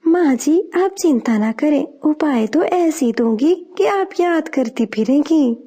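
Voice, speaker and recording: A woman voicing a sly young female crow with a flattering manner. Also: sits high, voice pushed up.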